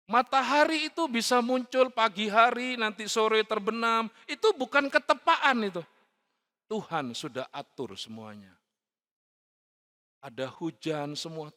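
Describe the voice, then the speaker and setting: Pastor preaching. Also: male voice, on the high side. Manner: swings from soft asides to loud exclaimed calls; mixes Javanese words into Indonesian, frequent "saudara" and "ya kan". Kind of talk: church sermon. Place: church hall. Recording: long reverb of a church hall.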